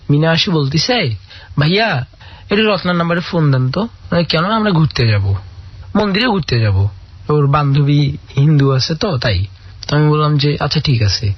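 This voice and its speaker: A male caller on a call-in radio program shares a long personal story with earnest feeling, performing the dialogue as he goes. His voice is slightly high and husky. The broadcast sound is dull and lo-fi, with no echo.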